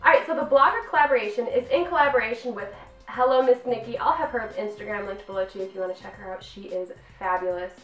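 A woman's voice: a little high, fast talker, a bit bright. A woman in her thirties reviewing nail polish on her vlog, bubbly and gushing, filmed in a room at home. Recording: roomy, distant mic, faint music.

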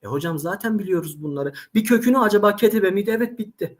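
A man's voice: high voice, quick pace. A man who teaches Arabic, telling anecdotes animatedly in a casual interview and speaking straight to the viewers. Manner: animated storyteller, addresses audience directly.

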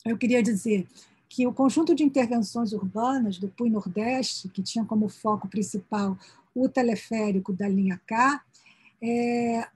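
A woman giving an academic conference presentation over a video call, peppering her sentences with little tag questions and restarting phrases as she rushes to finish in time. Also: on the high side, a little mellow, husky, dry recording. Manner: sprinkles "né" fillers and restarts mid-phrase; hurried toward the end of her time.

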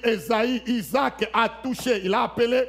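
A man's voice: extremely high pitch, moderate pace, creaky, fairly bright tone. A man preaching a sermon at a church service. He preaches emphatically, with rhetorical questions and frequent amens, and shifts his voice to act out Bible scenes. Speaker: pastor.

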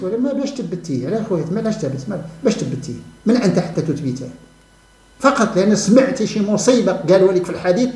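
Fast, fervent Moroccan man in echoey room. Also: high-pitched, darkish tone. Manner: fervent and mocking, repeats phrases, breaks into scornful laughter. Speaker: channel host giving commentary. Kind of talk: impassioned monologue.

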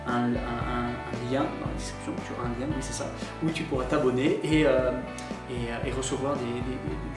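This Scotsman teaches English online, and here he's ranting to the camera in an opinionated vlog, mock-serious and teasing, with plenty of fillers and false starts. His pitch is medium, and the recording, made from a distance, is reverberant.

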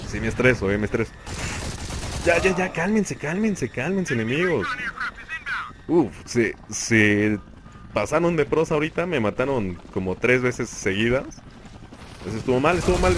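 A young man with a Mexican Spanish accent giving excitable play-by-play commentary on a shooter game, talking to himself and laughing often. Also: medium pitch. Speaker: gaming channel host. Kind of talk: live gameplay commentary. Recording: noisy game audio behind voice. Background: gunfire and game sounds.

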